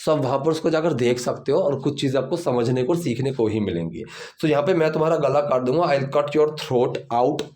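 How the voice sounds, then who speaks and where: A man teaching English grammar, explaining step by step and repeating example sentences slowly. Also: medium pitch, darkish tone. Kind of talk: bilingual grammar lesson.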